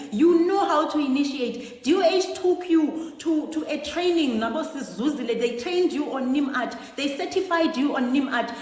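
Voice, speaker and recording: A woman's voice: sits high, a little mellow. A South African woman, a nurse, talking passionately and emotionally on a live stream from her phone. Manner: earnest, emotional, retells patients' words. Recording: echoey hall-like room.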